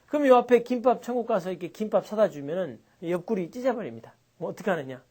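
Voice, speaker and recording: A woman teaches vocabulary in a chatty, lively way. Her pitch is middling, and she keeps asking her listeners questions. She often acts out quick scenes to make a word stick. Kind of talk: lecture.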